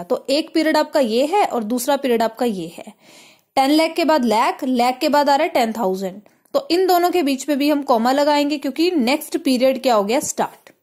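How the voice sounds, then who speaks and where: A woman with an Indian accent explains a math lesson in a high voice. She goes step by step and keeps checking if her students follow. English terms run through her talk. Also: darkish tone. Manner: explains step by step, asks "clear?" often; mixes English terms into Hindi. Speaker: teacher.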